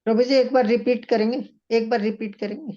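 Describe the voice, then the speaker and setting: Woman student, high voice, polite answers, dull lo-fi sound. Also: steady tone, a little fast, warm tone. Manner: polite, addresses teacher respectfully. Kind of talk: class discussion.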